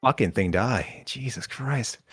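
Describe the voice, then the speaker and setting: A man's voice: mid-range voice, expressive, unhurried, fairly bright tone, breathy edge. A man co-hosting a casual chat, sarcastic and swearing often, laughing a lot. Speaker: podcast co-host.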